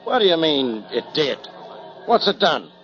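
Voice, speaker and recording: An actor playing a gruff, easily baffled police inspector who blusters, in 1940s radio detective drama style. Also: male voice, on the high side, sing-song, unhurried, a bit bright. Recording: dull lo-fi 1940s radio broadcast recording.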